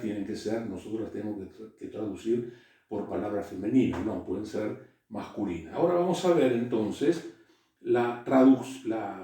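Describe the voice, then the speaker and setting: A man giving a classroom lecture, halting, with frequent "eh" and checks that students follow. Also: on the low side, mellow. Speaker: teacher. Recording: echoey room, voice from far off.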